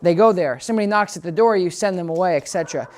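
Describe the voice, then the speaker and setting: A man working as a dog trainer, casually explaining his method to viewers and breaking into high, upbeat praise and commands for the dog. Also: racing. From United States. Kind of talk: instructional training demo. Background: background music.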